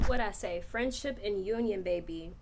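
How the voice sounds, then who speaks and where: A woman's voice: mid-range voice, moderate pace, a little mellow, a little hiss or hum. A woman giving a casual tarot reading to camera outdoors, chatting to viewers as y'all and baby. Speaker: tarot reader. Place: outdoors by a grassy yard.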